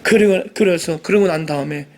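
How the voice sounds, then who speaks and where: A man's voice: on the high side, a little fast. A middle-aged male pastor preaching a sermon with passion, acting out the quoted voices of the people in the story. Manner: impassioned, acts out Jesus and the father in quoted lines.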